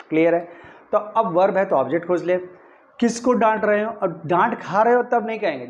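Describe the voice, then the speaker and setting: A man's voice: sits high, lo-fi sound. A man teaching English grammar in Hindi, explaining step by step and often checking that his students follow. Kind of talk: Hindi-language grammar lesson.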